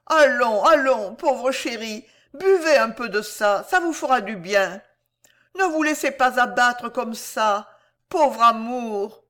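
A reader voicing a motherly landlady who coos and fusses in drawn-out phrases, in an audiobook. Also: mid-range voice, sharp tone, pitched above the performer's own voice. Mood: fussing. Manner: cooing, drawn-out. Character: motherly innkeeper woman, fussing and scolding. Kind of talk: audiobook character voice.

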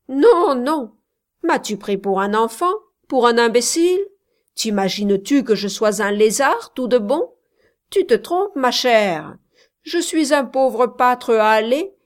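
A woman voicing a jealous young male shepherd who rants loudly and with scorn, threatening the girl he loves. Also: a little high. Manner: loud, ranting, contemptuous.

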